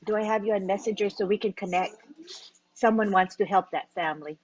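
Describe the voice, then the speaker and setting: A woman's voice: medium pitch, brisk, a little mellow. A woman speaking up politely in a webinar to arrange help, on a video call. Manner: polite, organizing. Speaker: webinar participant. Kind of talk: casual call talk. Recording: dull lo-fi call audio.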